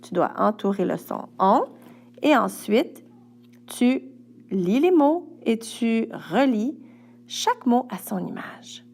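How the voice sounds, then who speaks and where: A woman's voice: on the high side, very animated, takes it slowly, a little mellow. A woman teacher with a Quebec French accent, patiently giving a young pupil step-by-step instructions for a worksheet. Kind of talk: recorded classroom instructions.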